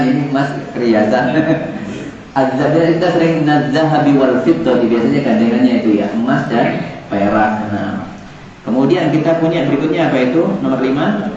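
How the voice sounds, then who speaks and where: A man's voice: mid-range voice, a little mellow, a little hiss or hum. A man teaching Arabic vocabulary to a class, repeating words and joking with the students. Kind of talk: classroom lesson. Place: large echoey classroom. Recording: echoey, distant, dull room recording with students.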